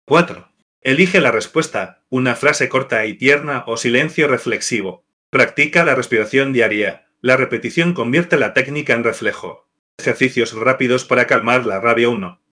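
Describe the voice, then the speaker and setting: A man reading a scripted devotional explainer in a measured, list-like way. His pitch jumps up or down each time he reads out a number. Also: bright, forceful tone. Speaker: narrator.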